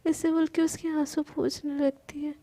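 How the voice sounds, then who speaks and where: A woman's voice: high-pitched, little pitch movement, moderate pace, dark tone. A woman narrating a serialized love story in a chatty way, addressing her listeners as friends. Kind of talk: casual storytelling.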